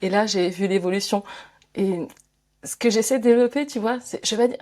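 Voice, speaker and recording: A woman's voice: medium pitch, fairly quick, a little mellow. A woman from France, a guest in a conversational interview, thinking aloud with many fillers, restarts and frequent laughs. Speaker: guest, author and speaker.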